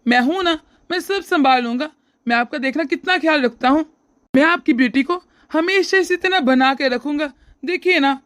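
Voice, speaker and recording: A woman voicing a sly, smug young brother-in-law in a cartoon, with an oily, teasing manner and a high, dry voice. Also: moderate pace, no echo, natural voice. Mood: leering. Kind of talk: cartoon voice acting.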